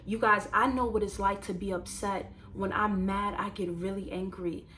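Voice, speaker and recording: A woman in her twenties, casually telling a personal story to viewers and turning it into motivational advice, animated and talking straight to the audience. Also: medium pitch, moderate pace, a little hiss or hum. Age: 20s. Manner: animated, conversational, addresses viewers directly. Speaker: vlogger.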